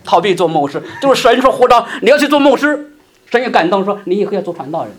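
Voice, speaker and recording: A middle-aged male pastor preaching a sermon, swinging between loud emphasis and soft, hushed asides. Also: high-pitched, very animated, fast.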